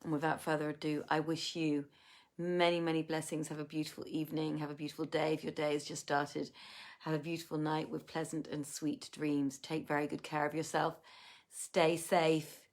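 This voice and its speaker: A woman hosting an online reading, telling an old tale in measured storytelling style, then signing off casually to viewers while tired. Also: deep voice, little pitch movement. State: tired, yawning. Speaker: host and reader. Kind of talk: reading a classic tale aloud.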